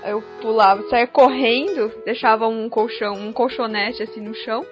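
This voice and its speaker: A young woman spins lively childhood stories on a casual podcast, acting out little voices as she goes. Her voice is high. Faint music sits behind her. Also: moderate pace, lo-fi sound. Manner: animated storyteller, acts out voices. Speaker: podcast co-host.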